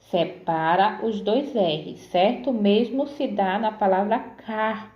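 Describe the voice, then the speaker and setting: A woman's voice: mid-range voice, echoey room, lo-fi sound. A woman teaching a grammar lesson to pupils, sounding out words syllable by syllable and checking in often. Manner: slow, careful syllable-by-syllable explanations with frequent "certo?".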